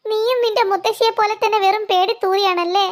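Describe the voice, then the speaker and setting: A woman's voice: very high voice, steady tone, brisk. A woman voicing a mocking prankster woman in a cartoon, who teases in a scornful way. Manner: teasing, scornful. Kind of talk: cartoon voice acting.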